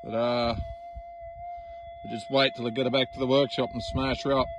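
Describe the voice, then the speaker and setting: A man's voice: mid-range voice, flat delivery, moderate pace, highs cut off. A man vlogging casually as a gold prospector in a laconic, understated way, recorded outdoors. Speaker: gold prospector filming finds. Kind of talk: casual field vlog. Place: outdoors at a gold digging site. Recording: clearly noisy outdoor handheld recording.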